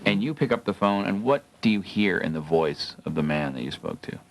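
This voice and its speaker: A man's voice: sits low, animated, brisk, a little hiss or hum. A man asking questions as interviewer in a documentary.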